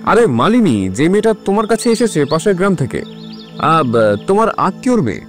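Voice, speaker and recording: A young man voicing a restless, quick-tempered young husband in an audio drama, talking insistently. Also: on the high side, very animated, faint music behind. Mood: asking. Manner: insistent, rising to anger.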